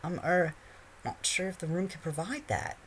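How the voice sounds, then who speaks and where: Flustered teen boy wizard, stammering, voice pushed a bit higher, read by a man. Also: animated, moderate pace, fairly bright tone, slight background noise. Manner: stammering, hesitant.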